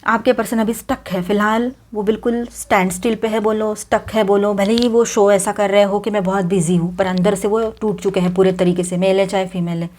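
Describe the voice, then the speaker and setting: Speaking a little fast with few pauses, this tarot reader addresses her viewers in a relaxed, conversational Hindi sprinkled with English. Her mid-range, darkish voice stays level in tone. She has a Hindi accent and frequently restarts sentences amid many fillers.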